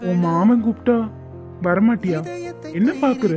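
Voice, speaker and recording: A man voicing a calm, secretive young village man in a cartoon, coaxing and low-key. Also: normal speed, lightly acted. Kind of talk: cartoon voice acting. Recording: muffled lo-fi audio with faint music.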